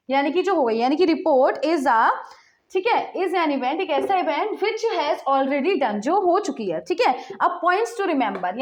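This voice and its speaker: A young woman teacher giving a casual online lesson, mixing Hindi and English, repeating points and checking in with students often. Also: sits high. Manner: repetitive, checks in with "theek hai" constantly; mixes Hindi and English mid-sentence.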